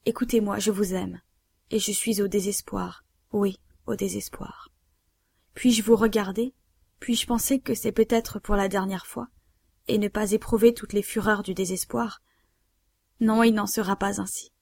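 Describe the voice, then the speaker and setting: A woman's voice: medium pitch, fairly even intonation, unhurried, vocal fry, a little mellow, breathy edge, no room sound. A woman reading as a desperate pleading nobleman. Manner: urgent, imploring.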